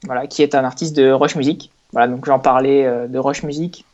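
Man, panel guest, casual chat, playful, lots of fillers, mid pitch. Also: fairly even intonation, fairly quick, darkish tone, muffled recording. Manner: joking, hesitant, many fillers.

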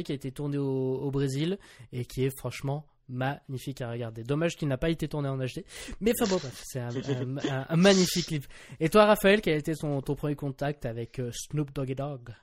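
A man's voice: mid-range voice, a little fast, no room sound, studio quality. A man hosting a music talk show, upbeat and jokey, with emphatic introductions. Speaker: podcast host.

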